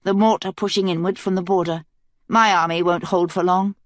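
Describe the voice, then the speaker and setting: A resolute young queen speaks firmly and earnestly, as a woman voices her. Her voice is low for a woman and dry and close in an audiobook. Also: fairly even intonation, brisk, dry recording, natural voice. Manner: firm, earnest.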